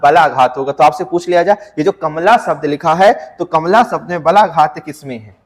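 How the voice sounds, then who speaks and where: A male teacher giving an exam-prep grammar lecture, asking his students questions and answering them himself, and drawing out example words slowly to show stress. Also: a little high, big-room sound. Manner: addresses students as friends, asks and answers own questions.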